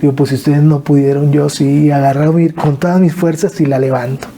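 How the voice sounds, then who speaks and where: A man's voice: fairly high pitch, flat delivery, warm tone, a little hiss or hum. Earnest northern Mexican man telling a story. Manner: earnest, halting, with repeated restarts. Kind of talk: emotional personal storytelling.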